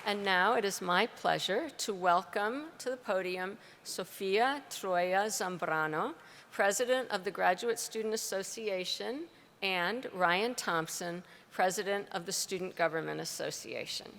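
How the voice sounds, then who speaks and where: A middle-aged woman, a university provost, formally and deliberately reading out names at a ceremony. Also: medium pitch, fairly bright tone. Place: large ceremony venue. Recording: reverberant hall with faint crowd and noise.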